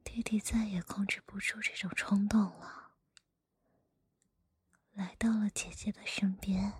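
Woman acting a teasing older sister, breathy whispered role-play right in your ear. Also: mid-range voice, little pitch movement, dry recording, clean studio sound. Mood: slow, sultry. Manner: slow, intimate whispering right in the listener's ear. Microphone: close microphone, dry.

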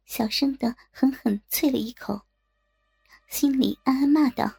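A woman narrating an erotic story in a soft, slow, intimate reading voice. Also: sits high, vocal fry, breathy edge. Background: faint music.

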